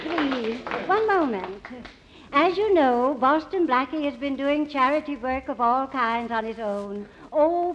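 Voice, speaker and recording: An actress playing an earnest woman charity organizer with a proper, insistent stage delivery, heard through an old radio show broadcast. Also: high voice. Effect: old radio show broadcast sound. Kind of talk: 1940s radio acting. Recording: dull lo-fi old radio recording, reverby, faint hiss.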